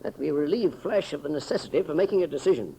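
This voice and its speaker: An actor playing a kindly older doctor, thoughtful and measured, in a 1930s radio serial. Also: male voice, on the high side, lively intonation, warm tone, slightly rough. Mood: grave, resolved. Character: kindly older doctor, gentle, self-sacrificing loyal friend. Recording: muffled old 1930s radio recording.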